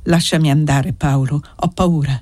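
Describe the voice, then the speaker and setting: A woman's voice: low voice, fairly even intonation, moderate pace, darkish tone, dry recording. A reader doing a frightened young woman. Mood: pleading. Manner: anxious, pleading, trembling. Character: young foundling woman, frightened and hiding a secret.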